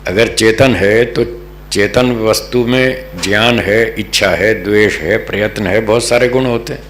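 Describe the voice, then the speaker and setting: Slow, low-voiced man teaching scripture. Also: a bit bright. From North India. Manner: patient, checks understanding with the audience. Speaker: religious teacher. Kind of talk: slow explanatory scripture lesson. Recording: echoey room, faint hum.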